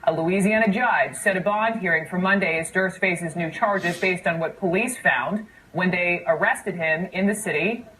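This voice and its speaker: Lowish American female news anchor. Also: normal speed, a bit bright, a little hiss or hum, rough recording. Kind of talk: scripted news delivery.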